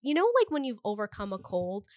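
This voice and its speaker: A woman's voice: medium pitch, big pitch swings, fairly quick, darkish tone, dry recording. A woman co-hosting a podcast in casual chat, slightly congested, gushing with enthusiasm and saying "like" a lot. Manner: gushing, enthusiastic, heavy use of "like". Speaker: podcast co-host.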